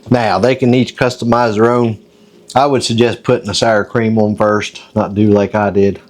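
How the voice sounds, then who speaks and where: A man's voice: fairly low pitch, level tone, moderate pace, darkish tone. A man, talking in a folksy, homespun way as he cooks supper at home for a casual cooking video. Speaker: home cook host. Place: home kitchen.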